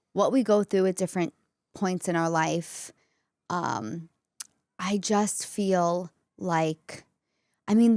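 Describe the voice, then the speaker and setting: A woman's voice: lowish voice, no echo, clean studio sound. A woman, hosting a podcast and talking casually and candidly straight to her listeners. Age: 40s. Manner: candid, conversational, addresses listeners directly. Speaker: podcast host. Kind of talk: casual solo talk to audience. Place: indoor podcast studio.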